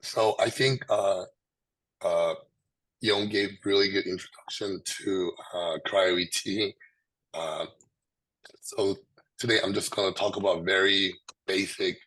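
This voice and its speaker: A man with a hoarse, swollen sore-throat voice, giving a halting scientific presentation. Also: low voice, steady tone, fairly bright tone, low-quality recording. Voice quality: hoarse, husky. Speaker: presenter, researcher.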